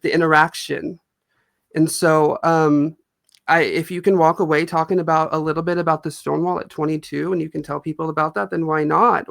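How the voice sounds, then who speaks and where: A man's voice: on the high side, a bit bright, dry recording. A man talking casually as an author being interviewed, telling stories earnestly.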